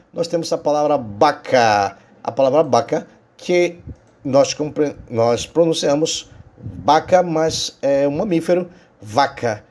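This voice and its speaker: A man's voice: fairly high pitch, a little mellow. Brazilian man teaching a Spanish lesson. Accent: Brazilian Portuguese. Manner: explains patiently, checks in with "tá?" and "né?". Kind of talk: recorded remote lesson.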